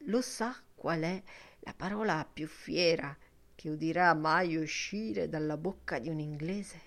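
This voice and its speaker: A woman's voice: low-pitched, unhurried, no echo. A woman voicing a stern, self-satisfied old male schoolmaster who lectures solemnly in an audiobook. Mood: lecturing.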